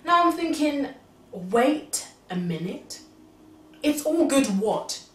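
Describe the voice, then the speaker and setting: An actress playing a young married, pregnant woman, animatedly recounting events to her mother, at times exclaiming and at times hushed. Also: sits high, big pitch swings, slow pace, full character voice. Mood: worried. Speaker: daughter confiding in her mother. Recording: distant, roomy sound with faint background noise.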